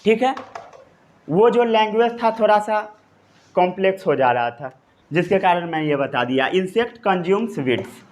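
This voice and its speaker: A man with a high-sitting voice gives a science lecture in Hindi to a class. He pronounces key terms slowly and repeats them as though dictating notes, checking frequently that his students are keeping up.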